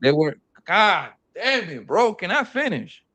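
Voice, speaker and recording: A man joining a loose podcast debate. His voice is mid-pitched and dry, with little room sound. He stammers through restarts and talks in street slang. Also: big pitch swings, measured pace, sharp tone, no echo. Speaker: podcast panelist. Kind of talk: casual chat.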